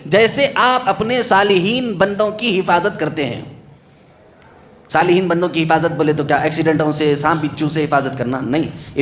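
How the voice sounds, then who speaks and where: High-voiced male preacher with rhythmic phrasing. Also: fairly bright tone, a little hiss or hum. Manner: rhythmic repeated phrases, recites Arabic supplications, chuckles often. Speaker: Islamic preacher. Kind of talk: Urdu sermon.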